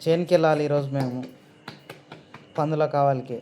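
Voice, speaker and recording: A woman's voice: low-pitched, steady tone, brisk, warm tone, a little hiss or hum. A woman with a Telangana Telugu accent, chatting casually with family at a village home and coaxing the children. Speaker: vlogger.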